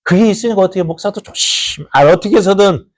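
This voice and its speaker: He's a pastor giving a sermon at a fast pace, firing questions at his congregation and answering them on his own. He performs the voices of people he quotes, jumping suddenly in pitch and loudness.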